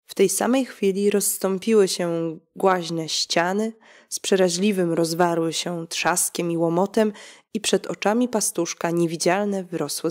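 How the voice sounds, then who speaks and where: A woman reading an old legend aloud, in a measured, solemn storytelling manner. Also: lowish voice.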